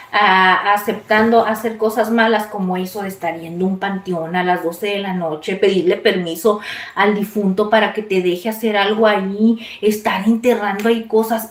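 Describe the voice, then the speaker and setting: Woman, casual storyteller, slightly high voice, confiding and animated, echoey room. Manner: chatty, confiding, animated retelling.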